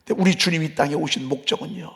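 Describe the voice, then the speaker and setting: A man preaching an early-morning sermon in a church, impassioned, moving between loud cries and hushed whispers. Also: on the high side, quick pace, gravelly. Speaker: pastor. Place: church sanctuary.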